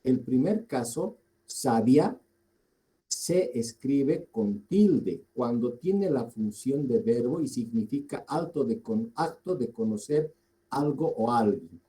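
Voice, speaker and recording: Male lecturer, Bolivian Spanish accent, very unhurried delivery, dark warm tone; deliberate, repeats for emphasis. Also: medium pitch, lively intonation, low-quality recording. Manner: deliberate, repeats key words, asks the class questions. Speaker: teacher. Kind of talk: slow classroom lecture.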